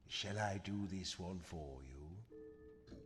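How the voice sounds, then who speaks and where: A man's voice: deep voice, drawn-out words, faint music behind. A man playing a sardonic, impatient dungeon master in a video game, speaking in a theatrical, condescending way. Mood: dry, impatient. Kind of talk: video game character acting.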